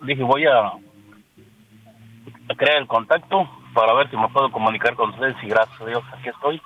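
A man with a Michoacán Mexican accent calling in to a radio show, speaking devoutly and haltingly with fillers. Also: medium pitch, slightly rough. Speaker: caller. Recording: muffled phone line.

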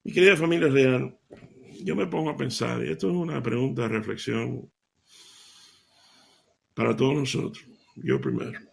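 A man giving a devotional talk, telling stories in an animated way and laughing as he goes. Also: medium pitch, normal speed, creaky, pauses often. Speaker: lay preacher.

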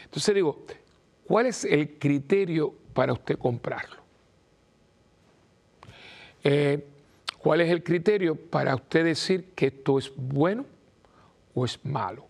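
Gravelly-voiced priest telling stories. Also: male voice, fairly high pitch, slow, pauses often. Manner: animated storyteller, rhetorical questions, sound words. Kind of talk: conversational talk-show monologue.

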